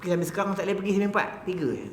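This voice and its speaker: A man with a Malaysian Malay accent teaches in a mosque, his slightly high voice leaping as he acts out the voices of the story and jokes with his listeners. The sound is roomy, with a long reverb tail from the hall. A faint hum of the room sits behind him. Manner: animated, joking, acts out voices in the tale. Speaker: religious teacher.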